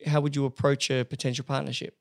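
A podcast host asking eager, quick questions in casual interview chat. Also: mid-range voice, level tone, creaky, a little mellow.

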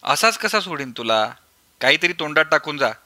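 Male reader does a cheerful old grandfather, high crackly voice, bright, dry. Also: big pitch swings, normal speed, no room sound, exaggerated voice. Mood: insistent. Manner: warm, jovial, insistent. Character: kindly old man, a grandfather, teasing.

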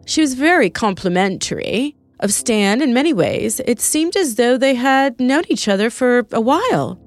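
A woman voicing Haven, a calm, affectionate woman, in a brighter, raised tone within a read-aloud story. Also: fairly high pitch, normal speed, soft background music, voice pushed up. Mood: calm, reassuring. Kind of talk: storybook character reading.

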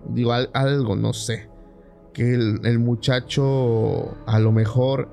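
A man's voice: mid-range voice, steady tone, slow, gravelly, dark tone, soft background music. A man hosting a casual podcast chat, hesitant and often stumbling and restarting his words. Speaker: podcast host.

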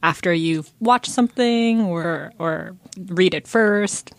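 A woman's voice: lowish voice, slow, no echo. A woman from Atlanta, co-hosting a book podcast in casual chat, chatty and full of "like," laughing often. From Atlanta, Georgia, US. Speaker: podcast co-host.

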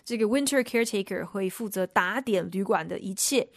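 A woman hosts a radio lesson, explaining English phrases in a chatty, patient way. Her voice sits in a middle pitch. The studio recording is dry and close. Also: brisk, dry recording. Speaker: radio host.

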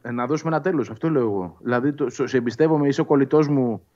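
A man's voice: mid-range voice, a little mellow. A man with a Greek accent talking as a guest on a sports show, hesitant and restarting but then emphatic. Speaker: guest pundit. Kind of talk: casual sports talk. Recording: slightly dull lo-fi sound.

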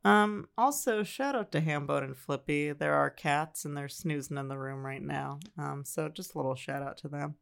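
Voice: mid-range voice, normal speed, vocal fry, few pauses, fairly bright tone, smooth. A podcast co-host chatting casually and explaining commercials in a dry, matter-of-fact way. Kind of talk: casual chat.

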